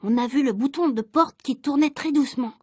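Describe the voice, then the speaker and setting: A woman reading a children's storybook aloud clearly and expressively, at a measured pace for shadowing practice. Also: high voice, darkish tone, no echo, studio quality. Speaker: reader.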